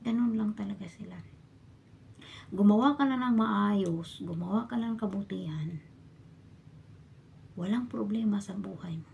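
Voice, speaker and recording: Very gravelly Filipina slipping into whispers. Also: female voice, mid-range voice, measured pace, long pauses, lo-fi sound, slight background noise. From Philippines. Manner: often drops into a hushed whisper. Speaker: vlogger and domestic worker abroad. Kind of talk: casual storytelling vlog. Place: a bedroom in her employer's home.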